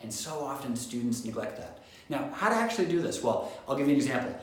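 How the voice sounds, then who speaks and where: A man's voice: mid-range voice, fast talker. Emphatic young man in an echoey room. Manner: energetic, emphatic, repeats words for stress. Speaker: admissions coach. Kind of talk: instructional talk to camera.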